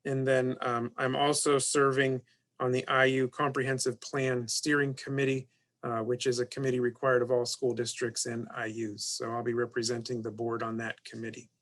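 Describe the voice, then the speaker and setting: A man's voice: mid-range voice, completely flat delivery, normal speed, fairly bright tone. A man speaking as board president, running a meeting with formal procedural phrasing.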